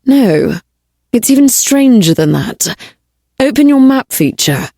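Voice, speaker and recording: A woman's voice: a little high, big pitch swings, takes it slowly, gravelly, dark tone, breathy edge, dry recording, studio quality, voice pushed up, exaggerated voice. A woman voicing a male AI sidekick in an audiobook, sarcastic and a little hesitant. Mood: explaining. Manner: sarcastic, hesitant when delivering bad news. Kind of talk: audiobook character voice.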